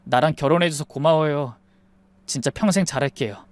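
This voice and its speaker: A woman's voice: sits low, brisk, darkish tone, dry recording, voice pushed down, close to an everyday voice. A woman voicing an earnest young husband who speaks politely and pleads, in a dry recording.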